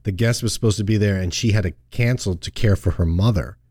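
A man's voice: lowish voice, fast, dark tone, breathy edge, no echo, studio quality. A middle-aged man who is a financial advisor and host, chatting casually on a show with frequent restarts and laughs. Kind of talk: casual radio show chat.

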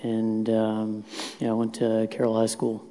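A man's voice: on the low side, completely flat delivery, measured pace, warm tone. A man from Indiana answering interview questions in an easygoing, hesitant way. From Indiana, USA. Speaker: interview guest, engineer. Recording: reverberant hall.

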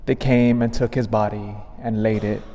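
Priest with cathedral echo. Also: male voice, fairly low pitch, steady tone, mellow. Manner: measured reading, then emphatic rising stresses. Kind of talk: Gospel reading and homily at Mass. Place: large church. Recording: long reverb of a large church.

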